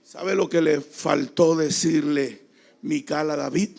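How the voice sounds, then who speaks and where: A man preaching a dramatic sermon as a pastor, acting out the voices in the story and rising now and then to a shout. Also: a little high, steady tone, takes it slowly, creaky. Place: church.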